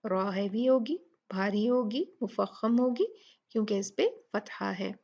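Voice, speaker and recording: A woman's voice: mid-range voice, gravelly, lo-fi sound. A woman teaching tajweed step by step, patiently repeating each sound syllable by syllable. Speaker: Quran recitation teacher.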